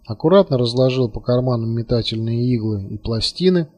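A man reading a novel aloud in a steady, measured audiobook narration. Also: medium pitch, breathy edge.

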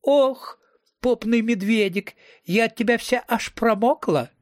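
A man's voice: high-pitched, normal speed, dry recording, studio quality, pitched above the performer's own voice, lightly acted. A man reading aloud who voices a brash, sarcastic teenage girl with slangy, cheeky talk. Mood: teasing.

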